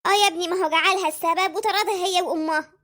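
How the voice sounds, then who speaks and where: A woman voicing a gossipy, sharp-tongued mother in an Egyptian cartoon, with an Egyptian Arabic accent. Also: very high voice, steady tone, very fast.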